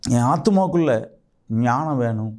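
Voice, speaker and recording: A man's voice: mid-range voice, expressive, a little slow, darkish tone. A male pastor, preaching a fervent sermon full of repeated rhetorical questions. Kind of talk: sermon with prayer.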